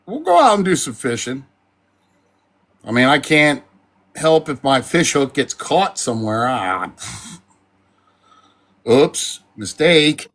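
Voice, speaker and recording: Heated male livestreamer, high and animated voice, cussing and apologizing by turns. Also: measured pace, pauses often. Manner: swearing, swings between shouting and apologizing. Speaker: livestream commentator.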